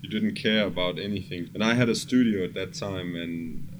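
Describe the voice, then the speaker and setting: A Danish music producer with a low-sitting voice casually recalls his work in an interview, speaking accented, non-native English at a moderate pace. Noticeable background noise fills the recording.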